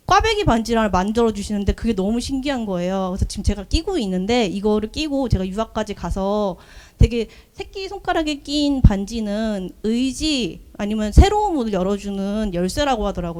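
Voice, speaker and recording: Earnest soft-spoken woman presenting. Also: medium pitch. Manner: earnest, soft-spoken, personal storytelling with frequent fillers. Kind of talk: business showcase presentation. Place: event hall.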